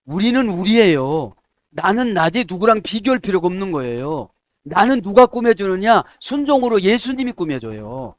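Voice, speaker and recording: A middle-aged man preaching a sermon as a pastor, checking in with his listeners and acting out quoted prayers in a softer, lower voice. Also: very animated, normal speed, no echo. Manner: asks the congregation "에?" to check agreement.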